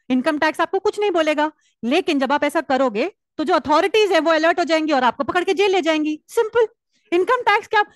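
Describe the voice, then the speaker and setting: High-voiced woman teaching a lively class. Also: no room sound. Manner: lively, teasing, mixes Hindi and English. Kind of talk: classroom lecture.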